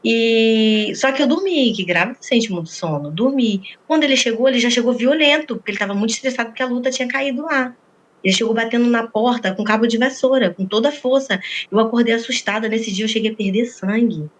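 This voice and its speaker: A woman giving an interview, recounting a painful personal story and acting out the quoted dialogue. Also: on the high side. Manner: rapid, acts out quoted dialogue. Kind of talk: emotional personal account.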